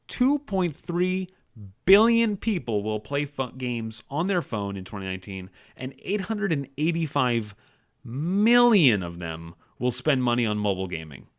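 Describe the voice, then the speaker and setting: A podcast host offers casual news commentary, reading gaming industry figures aloud and breaking off into sarcastic, self-deprecating asides, often stumbling and correcting himself. His medium-pitched voice is smooth and very animated, delivered a little slowly.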